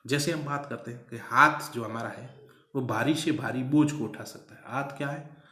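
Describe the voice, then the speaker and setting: A man teaching a college class, explaining step by step with repeated examples and drawn-out key words. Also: mid-range voice, sharp tone. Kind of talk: recorded classroom lecture. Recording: echoey room on a phone recorder.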